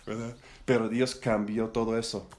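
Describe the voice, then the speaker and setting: His voice is lowish, a little mellow, and slow, with little pitch movement, as this middle-aged man leads a casual Bible study for church leaders. Spanish is his second language, and his chatty, rambling teaching is full of repeated words and tag questions seeking agreement.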